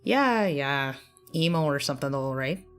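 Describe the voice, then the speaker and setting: A woman's voice: low-pitched, lively intonation, measured pace, smooth, soft background music. Stan, a nasal scruffy guy as a woman narrator puts him on. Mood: offhand nosy. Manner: casual, nosy, offhand. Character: scruffy young adult male entity.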